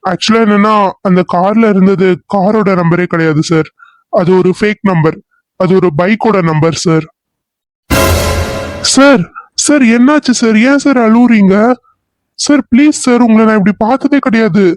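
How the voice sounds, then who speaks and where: A man's voice: high-pitched, moderate pace, pauses often, dry recording, lightly acted. Loyal police assistant in a cartoon serial, voiced by a man; earnest and coaxing. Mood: concerned. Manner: coaxing, insistent.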